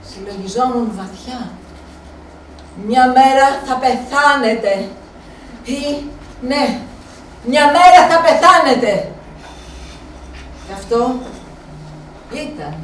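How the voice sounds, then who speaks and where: A woman's voice: mid-range voice, lively intonation, pauses often, darkish tone, slight background noise, close to an everyday voice. An actress performing a live stage monologue as an aging Helen, a faded proud woman alone, brooding, weary and bitter. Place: small theatre space. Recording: echoey room from far off.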